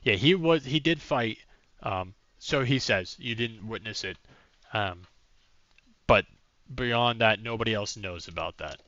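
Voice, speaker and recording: A man runs a tabletop game with casual, rambling narration. His voice is low but bright. The recording is dry and dull, like a lo-fi stream mic. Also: measured pace, no room sound. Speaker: game master.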